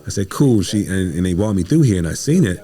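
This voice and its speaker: A Midwestern American man, a stage playwright, is a guest on a podcast, talking fast with a low, dark voice and lively intonation. He tells stories in a casual, slangy, emphatic way and acts out the conversations he quotes, making for animated interview storytelling.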